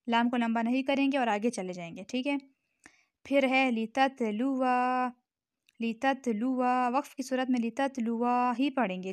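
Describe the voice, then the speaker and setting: A woman's voice: on the high side, no room sound. Patient woman teaching Quran recitation. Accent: Pakistani Urdu. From Pakistan. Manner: patient, repeats each word slowly and checks in with "theek hai". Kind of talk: tajweed lesson explanation.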